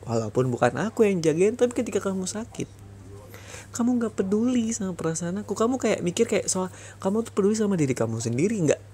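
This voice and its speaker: A man's voice: high voice, sing-song, quick pace, dark tone, slight background noise. A young man voicing a bitter boyfriend in an ASMR boyfriend role-play, scolding his toxic ex over and over in a heated voice. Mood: reproachful. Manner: heated, reproachful, repetitive scolding.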